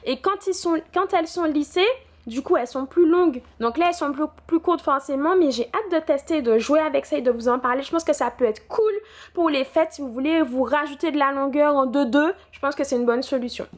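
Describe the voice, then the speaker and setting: A young woman vlogs casually at home indoors, chatting with lots of fillers and restarts. Her voice is high-pitched and brisk.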